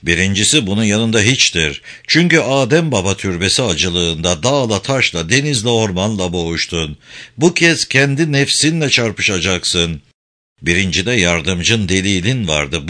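A man's voice: fairly low pitch, animated, normal speed, pushed and bright. A man voicing a stern, solemn old male sufi sheikh who gives grave commands. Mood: solemn commanding.

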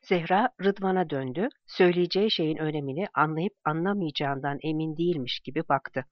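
An audiobook narrator reading a novel chapter in an even, measured way. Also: mid-range voice, no echo, highs cut off. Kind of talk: scripted narration.

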